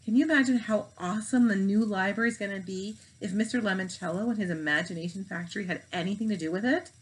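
A woman's voice: medium pitch, fast talker, voice pushed up, close to an everyday voice, poor audio. A woman doing a blunt, teasing schoolgirl.

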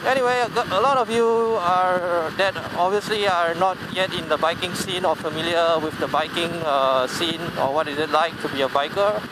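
A man talking casually while riding a motorcycle on a highway, rambling with many fillers and restarts and the odd swear word, into a helmet mic. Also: fairly even intonation, normal speed, few pauses. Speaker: motovlogger. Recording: loud road and wind noise. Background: loud road and engine noise.

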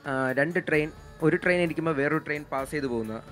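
A man's voice: a little high, very fast, a bit bright, soft background music. A teenage boy from Kerala answering an interviewer's questions, hesitant, with many fillers and restarts, his voice a bit blocked. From Kerala, India. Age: teens. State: voice feels blocked. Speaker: interview guest, mimicry artist.

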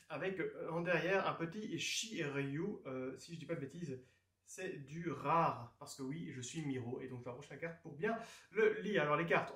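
A man with a fairly high voice talks through a card unboxing in a relaxed, chatty way. He keeps slipping in playful, jokey asides as he goes. The sound is roomy, with a clear echo off the walls. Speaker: card game channel host. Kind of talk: casual unboxing commentary. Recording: echoey room.

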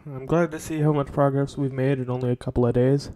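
A man's voice: medium pitch, quick pace. A man streaming a game, chatting casually as he signs off to his viewers. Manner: relaxed, chatty sign-off to viewers.

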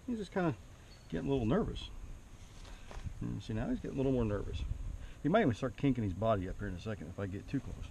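A man's voice: mid-range voice, fast, gravelly, long pauses, slight background noise, poor audio. Laid-back man explaining snakes outdoors. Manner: relaxed, explanatory, asks the viewer questions. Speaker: snake educator. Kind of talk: casual outdoor demonstration filmed on camera. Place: outdoors near a trailer. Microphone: handheld camera mic.

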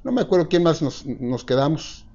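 A man in his sixties with a Mexican accent, recalling an old memory in an interview with a lapel mic, halting and full of restarts. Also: fairly high pitch, sing-song, dark tone, lo-fi sound. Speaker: eyewitness interviewee. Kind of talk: recounting a memory. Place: dark room, seated.

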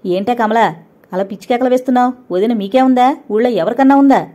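A bossy, sharp-tongued mother-in-law who barks her complaints, as a woman reader puts her on. Her voice is mellow and dark in tone, yet loud and nagging. She comes across as a storybook tyrant of the household. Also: a little high, animated, a little fast, dull audio. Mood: scolding. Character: harsh scolding older mother-in-law.

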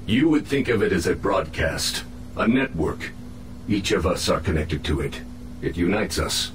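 Very deep, slow alien captive. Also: male voice, animated, echoey room, noisy background. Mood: troubled, solemn. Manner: formal, measured, portentous speech. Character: captive alien infiltrator, solemn, proud, menacing yet doubting. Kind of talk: video game cutscene acting.

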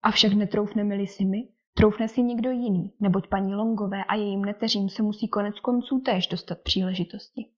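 Dry ironic old english dad, teasing and unhurried, a lady reading him, kinda dull lo-fi sound. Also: mid-range voice, fairly even intonation, a little mellow, lightly acted. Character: dry ironic older English gentleman, father. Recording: dull lo-fi recording.

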